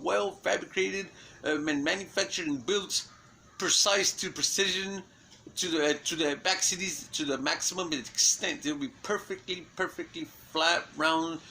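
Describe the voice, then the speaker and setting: A man's voice: on the high side, sharp tone, a little hiss or hum, poor audio. A man in an unscripted monologue, rambling through restarts and fillers and swearing often. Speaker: self-styled messenger giving a prophecy.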